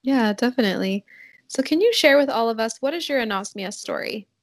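Female podcast host, fairly high voice, dry close recording, friendly measured questioning. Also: lively intonation, dry recording. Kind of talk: intro read and interview questions.

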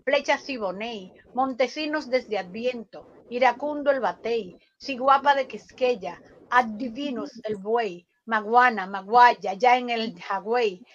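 A woman reciting a poem slowly and dramatically, with rising repeated questions, over a video call. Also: fairly high pitch, crowd noise. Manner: slow, incantatory, dramatic rises on repeated questions. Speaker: poetry reader. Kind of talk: slow dramatic poetry recitation. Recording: dull lo-fi online call audio.

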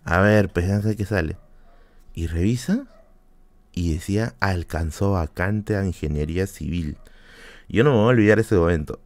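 A young man, hosting a podcast and telling a family story in a casual, animated way, often repeating himself and jumping up in pitch when he quotes people. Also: no room sound. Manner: animated, jumps high when quoting people, repeats words, laughs often. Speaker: podcast host.

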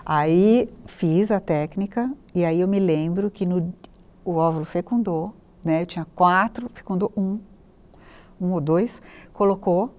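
A woman in her sixties with a Brazilian Portuguese accent, a therapist telling a personal story as a guest, animated and acting out her own past thoughts. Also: a little slow. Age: 60s. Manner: animated, acts out her own past thoughts, voice climbs high when recalling panic.

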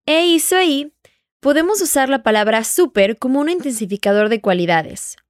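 A woman's voice: high-pitched, lively intonation, normal speed, no room sound, clean studio sound. Patient woman teaching Portuguese. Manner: patient, prompts the listener to repeat and answer. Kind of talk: audio language lesson.

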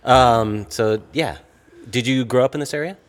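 A man's voice: mid-range voice, normal speed, big-room sound. A man co-hosting a podcast, asking curious follow-up questions in casual chat. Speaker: podcast co-host.

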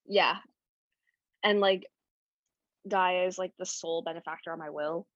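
A woman's voice: fairly low pitch, steady tone, measured pace, no room sound, highs cut off. A woman co-hosting a podcast in casual chat, rambling and playful, with a lot of fillers. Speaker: podcast co-host.

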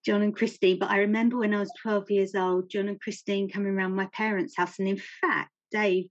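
A woman's voice: medium pitch, level tone, brisk, no echo, lo-fi sound. A middle-aged woman, giving an informal personal talk as a guest speaker. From Romford, Essex, England. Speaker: guest speaker, charity founder.

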